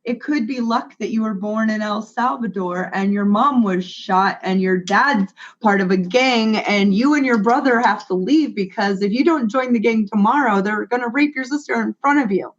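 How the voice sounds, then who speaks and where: A woman's voice: fairly high pitch, normal speed, hardly any pauses. Earnest woman with a raised voice. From United States. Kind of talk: casual online panel discussion. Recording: muffled web call audio.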